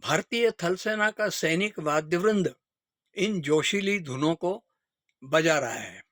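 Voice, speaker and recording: A man presenting a radio music program in a measured, formal manner. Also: fairly high pitch, lively intonation, fairly bright tone, no echo. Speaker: radio announcer.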